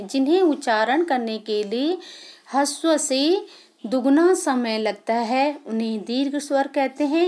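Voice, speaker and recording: An Indian woman teacher leads an online grammar lesson for young pupils. Her voice sits high, and she speaks at an unhurried, deliberate pace. She keeps asking questions and answering them herself, repeating the key terms. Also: darkish tone.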